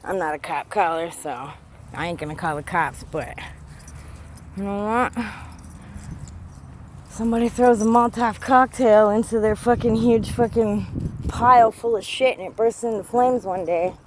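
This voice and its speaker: A woman's voice: mid-range voice, a little slow, long pauses, slight background noise. A woman vlogging while walking through a cemetery, ranting heatedly and swearing a lot. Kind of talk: casual walking vlog. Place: outdoors in a cemetery.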